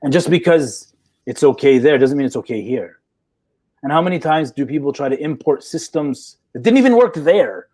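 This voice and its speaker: A man's voice: on the high side, expressive, normal speed, darkish tone. Man, forties, psychologist guest, assertive, explaining, rhetorical asides. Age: 40s. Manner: assertive, lecturing with rhetorical "okay?" checks. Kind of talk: live chat discussion.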